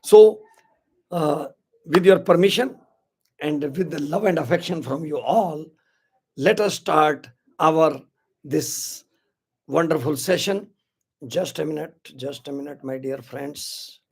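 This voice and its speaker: Indian man in his sixties, live webinar host, very slow, slightly high voice, upbeat, mixes hindi and english. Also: gravelly, darkish tone, husky. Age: 60s. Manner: greets viewers by name, upbeat, repeats "my dear friends". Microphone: live stream to social media.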